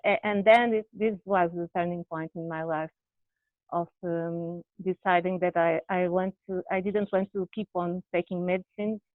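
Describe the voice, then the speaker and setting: A Brazilian woman, an interview guest, speaks haltingly in a candid personal conversation, searching for words and often restarting. Her lowish voice holds a steady tone. The recording is dry, with tinny, phone-like video call audio.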